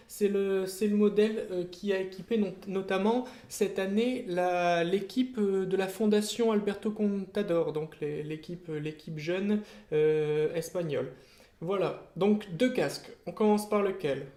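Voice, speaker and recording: A channel host giving a casual product review, often pausing to search for words and correcting himself mid-sentence. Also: medium pitch, warm tone. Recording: roomy, echoey room sound.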